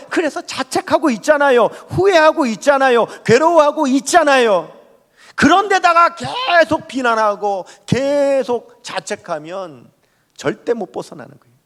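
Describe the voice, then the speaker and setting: Animated preaching pastor, man. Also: very high voice, normal speed. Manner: animated, rising and falling, speaks to the congregation directly. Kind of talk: sermon. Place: church sanctuary. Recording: long hall reverb.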